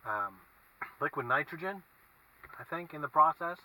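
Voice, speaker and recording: A man giving a casual food review as he eats, speaking in a halting, musing way inside a car. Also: fairly high pitch, lively intonation, sharp tone. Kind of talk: casual vlog review, talking while eating. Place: inside a parked car with windows down. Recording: distant mic, faint car and traffic noise.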